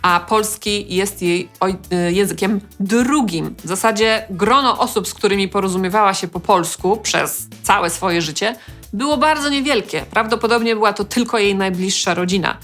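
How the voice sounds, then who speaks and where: A woman from Poland hosting a language lesson, explaining clearly with light humor. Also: mid-range voice, moderate pace, fairly bright tone, faint music behind. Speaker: language teacher host. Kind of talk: educational vlog.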